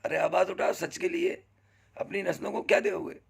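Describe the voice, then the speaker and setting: A man giving an impassioned, preachy monologue, urging listeners to speak up and rising in pitch as he presses them. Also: sing-song, moderate pace, creaky, slightly rough. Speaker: social media speaker.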